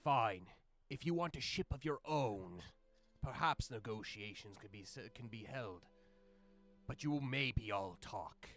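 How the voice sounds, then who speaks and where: A man's voice: mid-range voice, animated, a little slow, a bit bright, faint music behind. A man voicing a proud, brazen pirate captain in a tabletop game, boastful and formal as he bargains and challenges. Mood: grudging respect.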